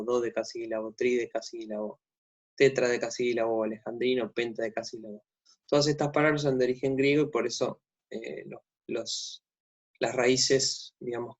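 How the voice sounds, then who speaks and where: A man with an Argentine accent giving a recorded literature lecture, with many fillers and restarts. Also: medium pitch. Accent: Argentine Spanish. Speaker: literature teacher. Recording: dull lo-fi sound.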